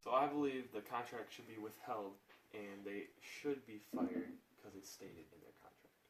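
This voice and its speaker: A man playing a league commissioner in an amateur skit, pausing often with ums as he defends the contract. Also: lowish voice, fairly bright tone. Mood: firm. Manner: hesitant, with frequent ums. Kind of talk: amateur school skit acting. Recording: echoey room from far off, faint noise.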